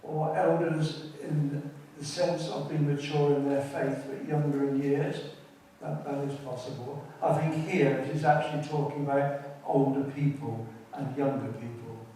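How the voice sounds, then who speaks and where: A man with an English accent giving a sermon in a large church, speaking in a measured way with frequent hesitations. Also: on the high side, steady tone, dark tone, a little hiss or hum. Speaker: lay preacher. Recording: echoey church from a distance.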